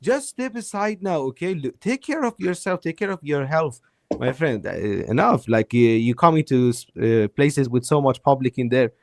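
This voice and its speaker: A man's voice: mid-range voice, expressive, normal speed, no room sound, studio quality. A man debating football casually and emphatically, often checking in with the listener. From Iran. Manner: emphatic, repeatedly checking with "okay?".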